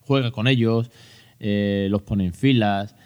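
Male podcast host, 30s, Spain accent, slightly low voice, casual and joking, lots of fillers. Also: fairly even intonation, slow pace, a little mellow, smooth. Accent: Spain Spanish. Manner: chatty and joking, with many fillers and restarts. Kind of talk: casual educational podcast talk.

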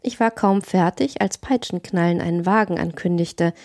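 A woman narrating an audiobook in an even, measured reading. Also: lowish voice, dry recording, clean studio sound.

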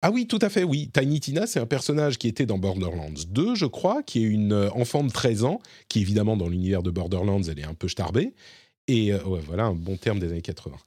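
A man co-hosting a casual live stream chat about video games, talking in a relaxed, hesitant way with many fillers and restarts. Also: on the low side, fast. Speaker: gaming stream co-host.

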